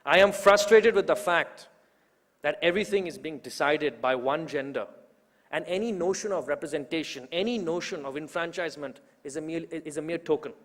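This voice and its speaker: Man, 20s, emphatic public speaker with a slightly high voice, recorded with long reverb in a large hall. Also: a little fast, a bit bright. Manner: rousing, emphatic, with rhetorical repetition. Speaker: youth organizer introducing the main speaker. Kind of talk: public speech at a political event.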